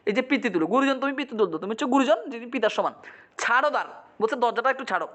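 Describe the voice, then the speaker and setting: A man, teaching a poem line by line. He asks quick check-in questions, repeats meanings, and sometimes slips into English. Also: extremely high pitch, expressive, fairly bright tone. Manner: dramatizes quoted lines, mixing in English. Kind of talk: poetry lesson, line-by-line explanation.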